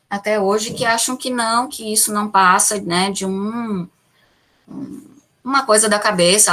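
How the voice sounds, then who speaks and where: In a classroom Bible lesson, a Brazilian woman speaks with a sharp tone in a mid-range voice and a Brazilian Portuguese accent. Patiently explaining, she questions the class and then answers herself, finishing lines with small checks like "tá?" and "né?".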